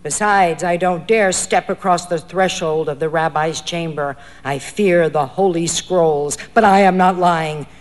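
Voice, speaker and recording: A woman reading a story voices a man posing as a demon, speaking in a hollow, booming, threatening way. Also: a little slow, few pauses, big-room sound, natural voice. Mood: persuading.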